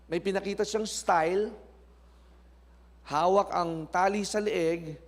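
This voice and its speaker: A man from the Philippines preaching a sermon as pastor, mixing two languages and moving between soft prayer and loud, animated preaching. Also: high voice, takes it slowly. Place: church sanctuary. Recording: long church hall reverb.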